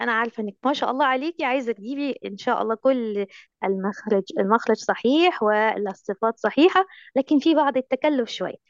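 A woman with an Egyptian Arabic accent teaches recitation at a quick clip, warm endearments on every line. Her voice sits a little high. The sound is dry and dull, like online call audio. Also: no echo. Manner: affectionate, coaxing, heavy on endearments.

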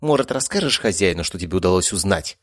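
A man's voice: low voice, animated, fast talker, no echo. A man voicing an ironic female crow familiar with a dry, teasing manner in an audiobook.

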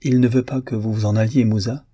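A man reading the part of a calm, tactful young woman musician in an audiobook, speaking with soft, patient coaxing. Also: fairly low pitch, a little fast, husky.

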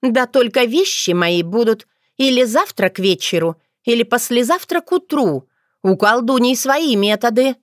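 A bold, sassy young witch from a storybook, played by a woman narrator. She talks high and cheeky with wide lively swings in pitch. The sound is dry and close. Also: normal speed, no room sound, close to an everyday voice. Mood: indignant.

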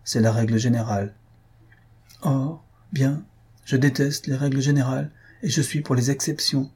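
A man's voice: medium pitch, steady tone, moderate pace, darkish tone, breathy edge. A man voicing a witty, mocking young noblewoman who talks in a teasing, proudly plain-spoken way.

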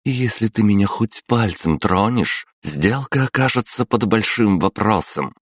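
A man voicing a calm, firm young noblewoman who keeps her composure under threat. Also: lowish voice, unhurried, a little hiss or hum, pitched above the performer's own voice. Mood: composed. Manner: firm, unflappable.

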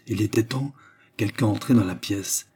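A man reading a novel aloud in a steady, measured narration. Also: lowish voice, husky. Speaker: audiobook reader. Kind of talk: scripted narration.

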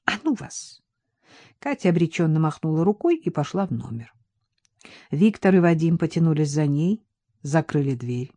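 A woman reading an audiobook in expressive, measured scripted narration. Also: low-pitched, no echo. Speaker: audiobook reader.

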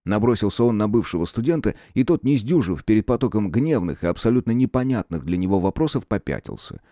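A man narrating a story in an expressive, wry storytelling manner. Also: lowish voice, fast, no room sound, studio quality. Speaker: audiobook narrator. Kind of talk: scripted narration.

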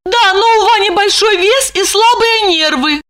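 A woman voicing a frightened, flustered young wife who speaks in a squeaky, pleading way. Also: a little slow, fairly bright tone. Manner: squeaky, pleading, high-pitched.

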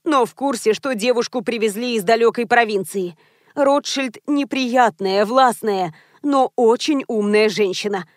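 A woman voicing a timid older actress and mother-in-law who speaks softly and hesitantly in an audiobook. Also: on the high side, measured pace, no echo, clean studio sound, close to an everyday voice. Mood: fretful. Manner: soft, hesitant, fretful.

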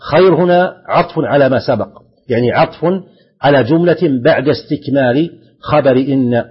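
A man teaching an Islamic lesson as a sheikh. He reads phrases from a text aloud and then explains each one slowly and deliberately, putting stress on the quoted words. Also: medium pitch, husky. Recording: dull lo-fi lecture recording.

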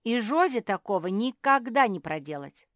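A woman voicing a loud, bossy young female pug who teases and shouts in a shrill voice for a storybook reading. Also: sing-song, moderate pace, no room sound, studio quality. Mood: teasing.

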